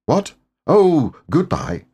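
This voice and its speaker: A man voicing a busy, bossy male rabbit in a storybook, brisk and matter-of-fact. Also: fairly high pitch, wildly swooping pitch, dark tone, husky, lo-fi sound, voice pushed up, full character voice. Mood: busy, distracted.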